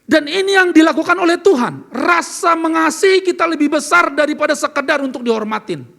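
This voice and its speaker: Man, very high pitch, gravelly, pastor, sermon, earnest, asks questions. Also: lively intonation, brisk, a bit bright. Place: church service.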